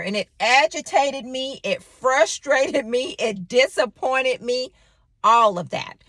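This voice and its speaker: Woman for a faith vlog devotional, storyteller with a lively pitch and a bright, dry, close sound. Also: no echo. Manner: animated storytelling with exclamations. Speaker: faith vlogger. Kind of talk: devotional talk.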